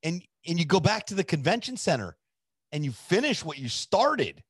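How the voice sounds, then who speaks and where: A man's voice: fairly high pitch, sing-song, moderate pace, breathy edge, no room sound, pitched above the performer's own voice. A man putting on the voice of a bossy, fired-up woman mentor who lectures and gives orders. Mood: insistent. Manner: insistent, lecturing.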